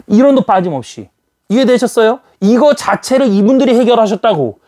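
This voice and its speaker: Fast, animated male preacher. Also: very high-pitched. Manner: animated, emphatic, full of rhetorical questions to the audience. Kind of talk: sermon.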